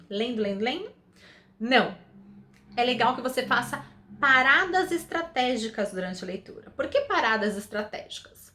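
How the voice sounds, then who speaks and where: A woman's voice: high voice, fairly bright tone. A young woman speaking patiently to parents about reading with children, often asking questions and then answering them herself. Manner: patient, asks rhetorical questions. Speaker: reading educator. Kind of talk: explanatory talk to parents.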